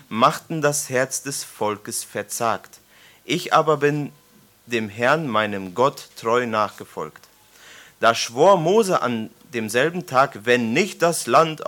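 With a mid-range voice that sounds pushed and bright, a thirty-something preacher reads scripture to his congregation during a Bible study. He keeps the sermon informal, joking with listeners through questions.

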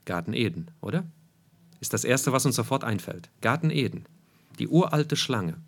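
Emphatic male preacher, lively pitch. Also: a little fast, creaky, husky. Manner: emphatic, repeats key phrases for weight; rhetorical questions to the listeners. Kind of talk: sermon.

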